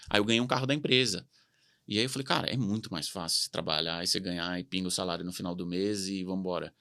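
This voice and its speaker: A man's voice: low voice, creaky, bright, forceful tone, no echo, clean studio sound. A Brazilian businessman in his thirties, speaking with a Brazilian Portuguese accent, telling candid stories full of quoted dialogue in a casual interview. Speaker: company CEO, podcast guest.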